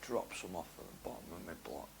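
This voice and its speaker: A young man, talking candidly in an interview in a rambling, slangy way that swings from loud and animated to low and mumbled. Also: quick pace, creaky, background noise. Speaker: interview guest.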